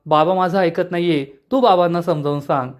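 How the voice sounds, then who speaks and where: A man's voice: high voice, brisk, natural voice. A man voicing a young woman who pleads and schemes to get her way, speaking persuasively. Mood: pleading.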